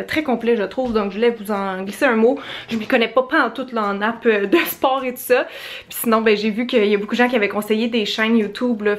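A young woman with a Québécois French accent, chatting casually to the camera in her home studio, rambling and self-deprecating, often laughing at herself. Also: a little high. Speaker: vlogger. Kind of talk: casual vlog chat to camera.

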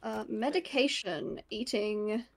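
A woman's voice: on the high side, takes it slowly, gravelly. A woman doing casual live gameplay commentary as an easily startled horror game streamer.

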